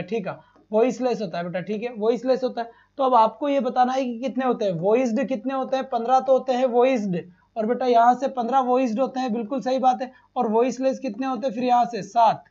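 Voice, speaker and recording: A man's voice: very high voice, warm tone. A male teacher giving a live online exam-prep lesson, who repeats each answer, asks rhetorical questions and calls his students "beta". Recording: slightly dull lo-fi stream audio.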